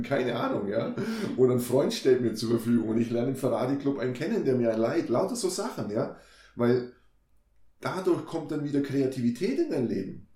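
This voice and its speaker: A man's voice: mid-range voice, dark tone. A man in a casual conversation, reflective, explaining his ideas through everyday examples and questions he asks himself. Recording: roomy echo.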